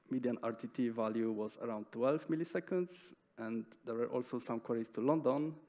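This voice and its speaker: Young male conference speaker, headset mic, hesitant but steady technical delivery. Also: medium pitch. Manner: measured, with frequent hesitations and fillers. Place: conference stage in a large hall.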